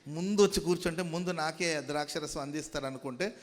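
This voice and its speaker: A male pastor from India preaching a sermon, moving between calm storytelling and loud, rising exhortation. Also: a little high, quick pace. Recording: long hall reverb.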